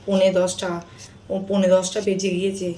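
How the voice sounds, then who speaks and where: A woman's voice: medium pitch, monotone, normal speed, dark tone, poor audio. A woman in her thirties with a West Bengal Bengali accent, chatting to her viewers in a home vlog and often repeating herself. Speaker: home vlogger. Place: home kitchen. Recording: running tap noise in kitchen.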